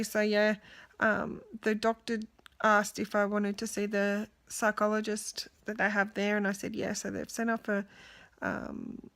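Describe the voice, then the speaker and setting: A woman's voice: mid-range voice, a bit bright. Woman, young adult, video diary; tired, candid, rambling delivery, worn out and close to tears. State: exhausted and emotional. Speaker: vlogger. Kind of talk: casual personal video diary.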